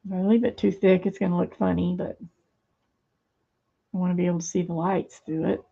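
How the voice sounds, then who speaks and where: A middle-aged woman with a low, gravelly voice talks casually in her home craft studio. She rambles and hesitates with plenty of fillers. The recording sounds a little dull and muffled. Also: little pitch movement, normal speed, dark tone. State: hands a little weak, fumbling. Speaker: craft video host.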